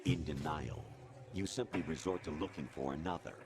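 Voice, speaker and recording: An actor playing a cold, domineering male AI overseer who lectures in a calm, condescending voice. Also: very deep voice, normal speed, background noise. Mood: coldly lecturing. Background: loud game soundtrack.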